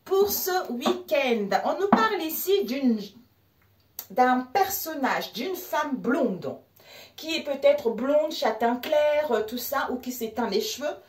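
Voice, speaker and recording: Une femme à l'africain francophone qui fait un tirage de tarot en direct, bavarde et animée, s'adressant à ses amis spectateurs. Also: female voice, fairly high pitch, reverberant, recorded from a distance. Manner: animated, laughs often, addresses viewers as friends. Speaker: tarot card reader. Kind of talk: live tarot reading chat.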